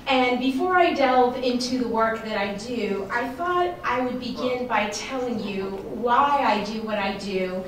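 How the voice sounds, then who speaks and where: Female panel speaker, American, unhurried and sincere, roomy distant recording. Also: fairly high pitch, lively intonation, slight background noise. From United States. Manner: earnest, measured, with fillers. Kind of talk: prepared speech at a forum. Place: museum event space. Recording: echoey hall from far off.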